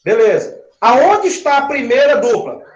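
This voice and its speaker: Slow high-voiced chemistry teacher. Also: male voice, very animated. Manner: slow, spelling out syllables and counting aloud; asks the class questions. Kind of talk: classroom lecture. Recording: roomy, dull-sounding classroom recording.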